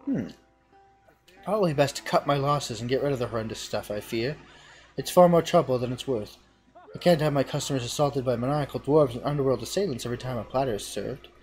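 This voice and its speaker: A man's voice: mid-range voice, fairly quick, darkish tone, soft background music, natural voice. A man voicing a fretful innkeeper in a video game, reading the lines in an indignant, apologetic way. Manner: indignant, apologetic tavern talk. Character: fretful innkeeper bemoaning cursed cheese. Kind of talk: reading game dialogue aloud.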